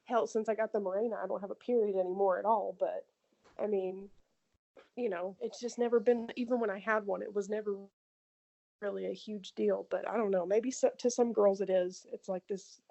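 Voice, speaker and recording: A woman's voice: mid-range voice, fairly quick, creaky, highs cut off. A young adult woman co-hosting a podcast, telling crude stories in casual chat with lots of "like" and laughter. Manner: crude, animated storytelling with many likes. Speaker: podcast co-host.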